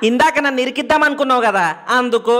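A man's voice: extremely high pitch, racing, sharp tone. A young man acting in a comedy sketch, switching between Telugu and Hindi and sounding exasperated and pushy. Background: background music.

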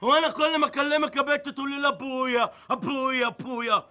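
Bossy comic man, Egyptian accent, mocking, bright, very high. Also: fairly even intonation, fast talker. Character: bossy comic man, a self-styled acting teacher.

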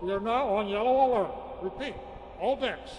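A man voicing a starship crew officer who barks a clipped, repeated alert over the ship's loudspeaker, his voice sitting very high. The call carries out across the decks. A faint hum runs underneath. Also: normal speed, rough recording. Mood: urgent. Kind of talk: amateur sci-fi comedy acting.

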